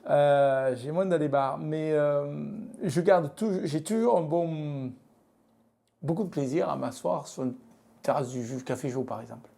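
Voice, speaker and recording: A man's voice: a little high, unhurried, gravelly, dark tone. A middle-aged man from Lozère with a singsong southern French accent, speaking frankly in an interview with many fillers and restarts. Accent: southern French (Midi). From France, Lozère. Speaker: guest, business leader. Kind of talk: casual interview talk.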